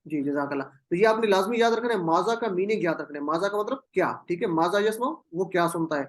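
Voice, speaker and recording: A man's voice: high-pitched, lively intonation. A man teaching an online class, patiently drilling Arabic verb forms and calling on students over a video call.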